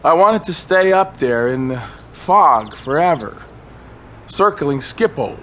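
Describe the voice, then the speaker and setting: A man's voice: fairly high pitch, lively intonation, slow, a bit bright, a little hiss or hum. A man reading a first-person story aloud as a rambling, wistful monologue, stumbling and restarting as he remembers. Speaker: audiobook narrator.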